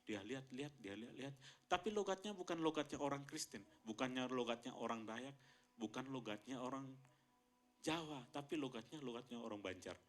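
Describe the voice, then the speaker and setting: A man's voice: mid-range voice, a little fast. A man, an Indonesian pastor, preaching a sermon as a personal testimony and often turning to the congregation as he tells it. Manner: storytelling, addresses congregation as Bapak Ibu, rises to loud excited peaks.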